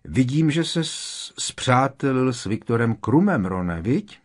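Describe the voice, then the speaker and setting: A man's voice: mid-range voice, sing-song, voice pushed up. A man voicing a pompous, self-important young wizard in an audiobook reading.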